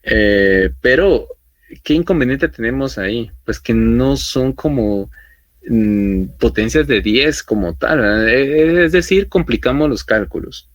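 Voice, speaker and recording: A male chemistry teacher lectures at a moderate pitch, checking in with his students over and over. He explains slowly and patiently. The recording is close and dry, with no room sound. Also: expressive, dry recording. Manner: explains patiently with many tag questions and fillers. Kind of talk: online class lecture.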